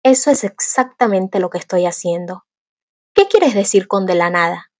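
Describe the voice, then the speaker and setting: A woman's voice: medium pitch, expressive, moderate pace, a little mellow, dry recording, studio quality, lightly acted. A woman reading the part of a brash young male swordsman who defends his sister, blunt and combative. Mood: furious.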